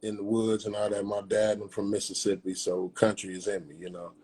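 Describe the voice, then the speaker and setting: A man, telling stories casually in a slangy, animated way. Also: lowish voice, a little fast, breathy edge. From Peoria, Illinois, USA. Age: 50s. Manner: animated retelling with acted-out dialogue, slangy. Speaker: barber telling his story. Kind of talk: casual storytelling in an interview.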